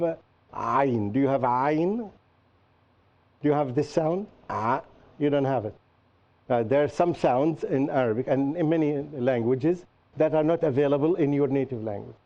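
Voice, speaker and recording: A man teaching a class, often asking students what else they can name and explaining patiently with examples. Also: a little high. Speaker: Qur'an teacher and show host. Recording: dull lo-fi recording.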